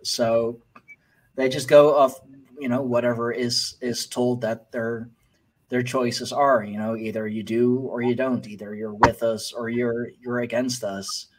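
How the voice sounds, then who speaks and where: Male podcast host, mid-pitched, casual and unpolished, halting as he hunts for the next word. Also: flat delivery, low-quality recording. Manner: hesitant, trailing, searching for words. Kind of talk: casual chat.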